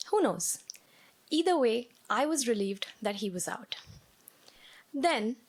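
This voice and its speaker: A young adult woman telling a personal story on stage at a live show, wry and playful, with quick asides and acted-out quotes. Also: on the high side, lively intonation.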